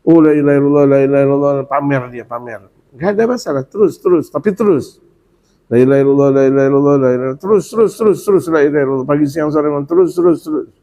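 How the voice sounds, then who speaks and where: A male preacher gives a Ramadan sermon in a lively, colloquial way with humorous asides, often chanting the same devout phrases again and again. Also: fairly high pitch, quick pace. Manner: repetitive chanting of dhikr phrases. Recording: dull lo-fi recording.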